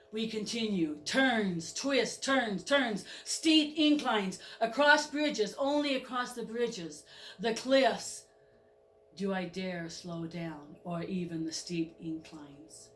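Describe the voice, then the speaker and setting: A woman's voice: medium pitch, slow pace, reverberant. A woman storyteller narrating a story in the first person with dramatic delivery. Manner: dramatic, with spoken train sound effects.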